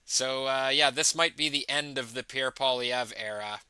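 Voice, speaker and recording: A man's voice: mid-range voice, moderate pace, bright, forceful tone, smooth, no echo. A man hosting a casual live election commentary stream, rambling with fillers and reading out viewer comments. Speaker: livestream host.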